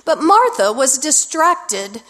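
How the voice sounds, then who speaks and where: Slow-spoken woman preaching at a pulpit microphone. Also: high-pitched, sing-song, a bit bright. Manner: measured, deliberate preaching. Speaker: pastor. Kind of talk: sermon with scripture reading. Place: church sanctuary. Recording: long reverb of a large hall.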